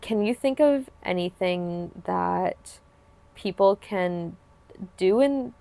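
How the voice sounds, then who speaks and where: A woman hosting a casual podcast interview, her voice sitting low with a gravelly edge. She speaks earnestly and supportively, stringing thoughts into long, winding sentences. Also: expressive, slow, mellow, dry recording. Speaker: podcast host.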